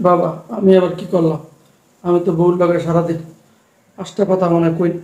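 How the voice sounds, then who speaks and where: A man's voice: high-pitched, flat delivery, normal speed, warm tone, dull audio. An actor playing an old widowed father who pleads with his son not to throw him out. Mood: pleading. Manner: pleading, plaintive. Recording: echoey room.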